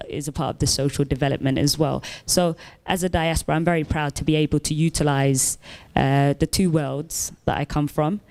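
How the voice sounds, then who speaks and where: A woman from Somalia speaking on a summit panel, measured and thoughtful, with many ums. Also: sits low, a little mellow, smooth. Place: conference hall stage.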